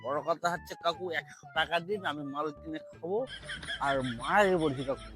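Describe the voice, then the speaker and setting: A man's voice: a little high, brisk, fairly bright tone, soft background music, natural voice. A man playing a scheming village town drunk in a comedy skit, cursing and rambling pushily. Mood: cheeky pleading. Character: brash, scheming village town drunk begging booze money. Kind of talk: broad comedy skit acting.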